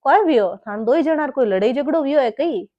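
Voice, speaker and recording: Comic skit: a woman playing a gentle old Marwari mother-in-law, high, pleading voice. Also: animated, fairly quick, no echo, dull audio. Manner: soft, pleading, conciliatory.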